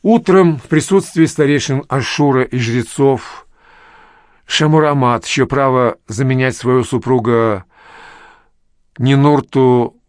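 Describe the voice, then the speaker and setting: A man reading an audiobook in a steady, measured way. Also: medium pitch, dry recording, studio quality. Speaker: narrator. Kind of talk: audiobook narration.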